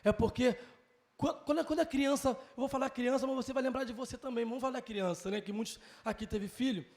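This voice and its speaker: A man's voice: extremely high pitch, fast, a little mellow. A man with a Brazilian Portuguese accent teaching a Sunday school Bible lesson, earnest, repeating key phrases and calling listeners brother.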